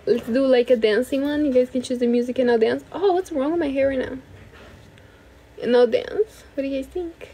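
A young woman from Brazil with a high voice hosts a relaxed livestream from her bedroom. She chats freely with viewers, often thanks them, and now and then switches languages. She talks into a phone held at arm's length. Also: a little fast, a little hiss or hum. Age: young adult. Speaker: livestream host. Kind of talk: casual livestream chat.

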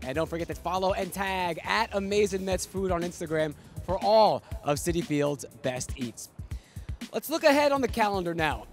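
A young man hosting a pregame baseball show, delivering scripted segments with energetic, promotional punch from around the ballpark. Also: high-pitched. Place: ballpark concourse and museum.

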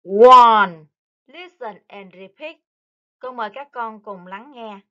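Slow, high-voiced woman teaching young children. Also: lively intonation, a bit bright, lo-fi sound. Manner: slow, careful, repeats each word for children to copy. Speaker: primary school English teacher. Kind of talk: online lesson for young children.

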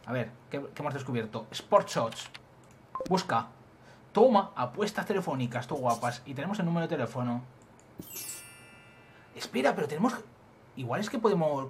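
A man's voice: mid-range voice, a little hiss or hum. A young man with an accent from Spain giving casual, joking gameplay commentary and swearing freely. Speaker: let's play host.

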